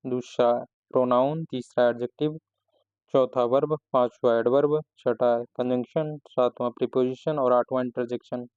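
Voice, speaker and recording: Slow methodical male grammar teacher. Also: medium pitch, dark tone, no echo. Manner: slow, methodical explaining with frequent restarts. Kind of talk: explanatory grammar lesson. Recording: slightly dull, lo-fi recording.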